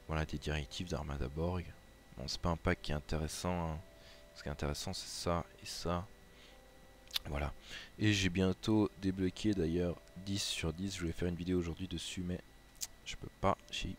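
Low-voiced chatty French gaming YouTuber. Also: male voice, slight background noise. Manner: chatty and hesitant, many fillers and restarts. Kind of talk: casual game tutorial commentary. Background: background music.

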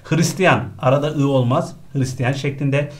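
A man's voice: mid-range voice, moderate pace, a little hiss or hum. A man teaching a spelling lesson for exam prep, quizzing a colleague and repeating each correct answer.

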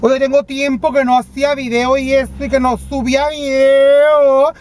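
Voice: sits high, flat delivery, normal speed, a little mellow, lightly acted. Performer voicing a vain female TV personality, Panamanian accent, flamboyant, stammering, indignant complaining, inside a car. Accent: Panamanian Spanish. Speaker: comedy character vlogger. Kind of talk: comedic character monologue.

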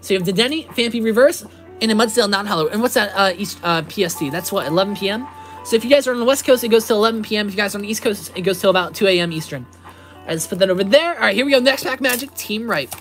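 A woman's voice: mid-range voice, very fast, fairly bright tone, faint music behind. A woman in her twenties streaming live, upbeat, reading out card names and answering chat as she opens packs. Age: 20s. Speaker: card-opening livestreamer. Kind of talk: live card-pack opening. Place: indoors at a table with a playmat.

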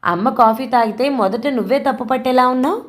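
A woman's voice: sits high, brisk, voice pushed up, natural voice. Woman as a defiant young daughter. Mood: indignant.

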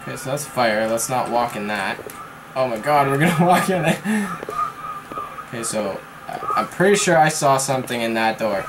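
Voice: mid-range voice, normal speed, background noise. A gamer commenting on a horror game, teasing a co-player and laughing and exclaiming a lot. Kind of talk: horror let's play commentary.

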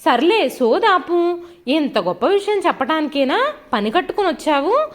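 A woman's voice: high-pitched, big pitch swings, normal speed. A woman doing a weary irritable husband. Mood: irritated. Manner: irritated, placating. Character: weary middle-aged husband, irritable but reasoning.

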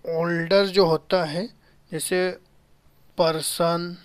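A man in his thirties gives a whiteboard grammar lesson in a small indoor room, recorded by a camera a few feet away. He speaks at an unhurried, deliberate pace. He keeps repeating key terms and asking questions he then answers himself. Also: on the high side, level tone, clean tone. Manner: explains slowly, repeats key terms, asks rhetorical questions. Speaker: English grammar teacher.

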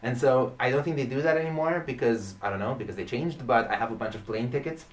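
A young Romanian man, a native speaker of Romanian and a classical guitarist, is a guest on a podcast interview, chatting casually and talking at length. His voice is medium-pitched and quick. He sits in a small indoor room with a curtain and shelves, recorded by a distant microphone.

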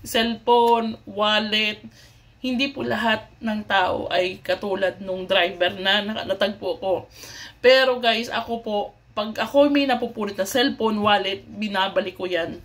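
A woman's voice: mid-range voice, a little slow, a bit bright. A woman from the Philippines telling a story to her viewers in a casual, chatty way, mixing in English with many fillers and restarts. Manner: polite, addresses viewers often. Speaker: vlogger.

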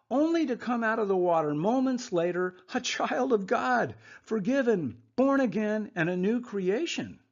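A man teaches a Bible lesson over slides in a relaxed, conversational way. He keeps pausing to check in with a quick "okay?". His voice sits somewhat high, and the recording sounds dull and muffled. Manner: conversational, frequent "okay?" asides.

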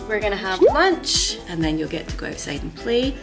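A woman's voice: medium pitch, very animated, moderate pace, over music. A middle-aged woman with a Scottish accent, explaining things as a primary school teacher showing someone around a classroom. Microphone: handheld vlog camera a few feet away.

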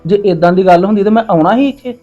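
A man's voice: sits high, fast, muffled recording, faint music behind. A man with a Punjabi accent playing a visiting relative in a family drama, talking in a pleading, reasonable way.

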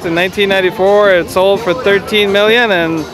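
A man's voice: sits high, steady tone, a little fast. A man speaking indignantly in an interview.

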